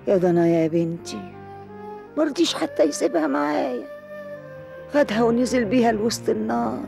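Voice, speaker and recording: An actress playing a weary, bitter old mother lamenting her son's return, with a gravelly voice, in a TV drama. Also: a little high, animated, fairly quick, over music. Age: older. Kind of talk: TV drama acting.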